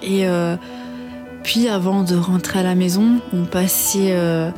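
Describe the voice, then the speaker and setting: Jeune femme hésitante, italien, posée. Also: female voice, on the low side, steady tone, a little slow, over music. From Italy. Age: 20s. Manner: hesitant, many fillers. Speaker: interviewee. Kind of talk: documentary interview.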